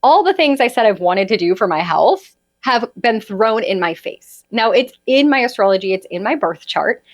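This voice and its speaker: A woman in her late thirties talks through a solo podcast episode in a chatty, confiding tone. Her voice swoops up and down with animated, lively intonation. She keeps pulling her listeners in with little "right?" asides. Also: medium pitch, moderate pace. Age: 30s. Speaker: podcast host and holistic health coach.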